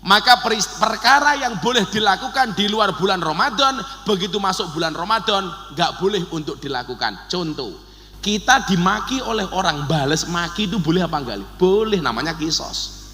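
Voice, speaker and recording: Animated Javanese-accented male preacher, bright voice. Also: sits high, moderate pace, long reverb tail. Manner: joking, animated, mixes Javanese into Indonesian, shouted takbir bursts. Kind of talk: humorous sermon.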